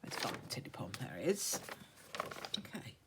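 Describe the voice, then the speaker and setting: A woman with a hoarse, croaky voice chatting casually and unhurriedly through a craft tutorial as she works. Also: very deep voice, very animated, very noisy. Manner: unhurried, talks along while working with her hands. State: hoarse, still getting over a croaky voice. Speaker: craft vlogger demonstrating techniques.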